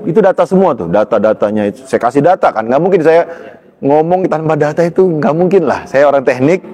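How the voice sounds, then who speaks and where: A man recounting his life story in casual talk, animated and rising high when tense. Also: in a large hall. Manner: animated storytelling, pitch jumps high in tense moments, laughs between lines. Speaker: guest telling his story. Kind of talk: personal testimony in casual talk.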